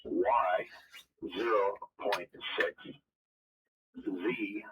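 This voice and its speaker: A man in mission control reading out procedural figures slowly and deliberately, heard over a two-way radio link. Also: lowish voice, steady tone. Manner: reads numbers slowly and deliberately. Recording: muffled radio link with faint static and clicks.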